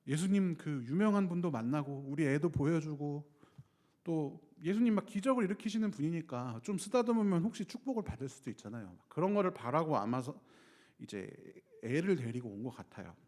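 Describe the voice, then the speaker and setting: A male pastor preaching a sermon in an animated way, acting out the voices he quotes. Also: a little high, a little fast.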